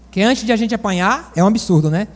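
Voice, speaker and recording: A man from Bahia, preaching a sermon in a folksy, animated storytelling manner with asides to the congregation. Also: high voice, quick pace, big-room sound. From Bahia, Brazil.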